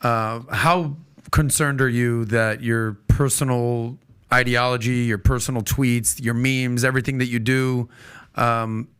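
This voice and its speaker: A man's voice: mid-range voice, steady tone, a little slow, a bit bright, clean tone. A man working as a podcast producer, explaining in a brief, matter-of-fact way. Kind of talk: casual podcast chat.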